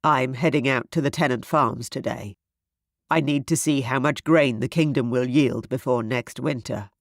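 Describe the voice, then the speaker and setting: The narrator reads a weary king, straight-backed and stiff. He keeps a flat, formal tone at an ordinary pitch. Dry, close sound. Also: normal speed, dry recording, natural voice.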